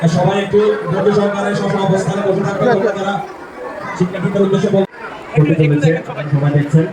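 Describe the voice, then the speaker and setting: A man with a Bangladeshi accent making formal public announcements at a ceremony over a loudspeaker. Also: high-pitched, flat delivery, fast. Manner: public-address delivery over an echoing loudspeaker. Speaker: event announcer. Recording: echoing loudspeaker, distant mic, noisy crowd.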